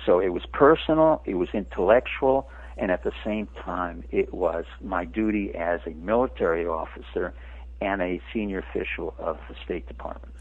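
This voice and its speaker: A man's voice: deep voice, moderate pace, vocal fry, slightly rough. A man in his seventies who grew up in France, a radio interview guest lecturing in an emphatic way. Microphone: phone. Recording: tinny phone line.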